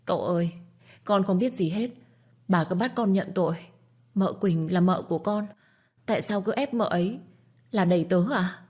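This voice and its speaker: A woman's voice: lowish voice, normal speed, long pauses, darkish tone, breathy edge, pitched above the performer's own voice. A woman voicing a frightened young servant girl who pleads tearfully and protests her innocence. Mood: tearful pleading. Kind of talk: storytelling with acted dialogue.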